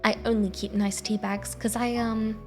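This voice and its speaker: A woman streamer chatting casually in a sleepy, soft, meandering way. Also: mid-range voice, little pitch movement, moderate pace. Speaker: live streamer. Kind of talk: casual rambling livestream chat. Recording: soft background music. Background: quiet background music.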